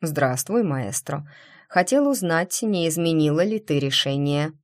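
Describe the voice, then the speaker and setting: A woman's voice: low-pitched, lively intonation, unhurried. Smug, curt male band leader, read by a woman. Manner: curt, cold.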